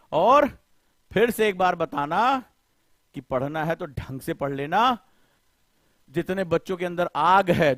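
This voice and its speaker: Coaching teacher guy, high voice, fired up, asks students question after question, dry close sound. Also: fairly bright tone, dry recording. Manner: impassioned, rhetorical questioning; colloquial, addresses students directly. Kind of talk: live online lecture.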